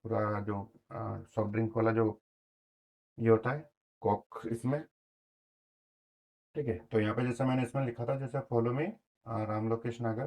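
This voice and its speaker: A hoarse man giving a casual screen-share web design tutorial, rambling with lots of fillers and frequent "okay?" check-ins. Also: medium pitch, a little mellow, rough recording.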